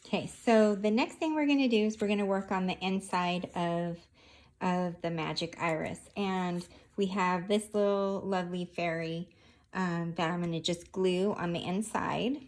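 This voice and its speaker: A woman's voice: fairly low pitch, steady tone, a little mellow. A woman hosting a casual craft tutorial, talking through each step of her handiwork as she goes. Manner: unhurried, narrating each hand movement as she works.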